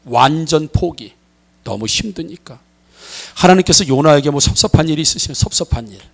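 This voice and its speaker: A man preaching a sermon as a pastor, dramatic, acting out voices with sudden swings between loud and soft. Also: a little high, animated, a little fast, creaky.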